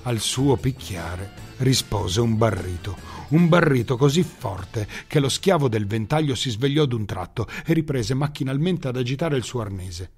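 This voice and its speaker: A man's voice: mid-range voice, normal speed, few pauses, breathy edge. Man narrating a tale theatrically, music behind. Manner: lively, theatrical reading. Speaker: storyteller. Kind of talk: scripted story narration. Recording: music bed under narration.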